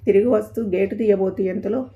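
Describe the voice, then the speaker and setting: A woman's voice: mid-range voice, fairly even intonation, a little fast, dark tone. A woman narrating a scripted story in a poetic, descriptive way.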